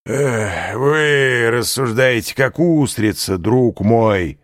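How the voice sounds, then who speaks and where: A man voicing a loud, drunken, boastful middle-aged man in a tavern, talking in a slurring, mocking way. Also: medium pitch, lively intonation, very slow, dry recording, clean studio sound, pitched above the performer's own voice. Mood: mocking and teasing.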